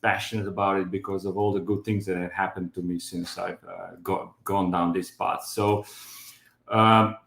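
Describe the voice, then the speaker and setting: A deep, gravelly, slightly bright voice belongs to a Croatian guest in his fifties telling his diet story. His delivery is flat and moderately paced but hesitant, full of fillers and restarts, and the audio is reverberant.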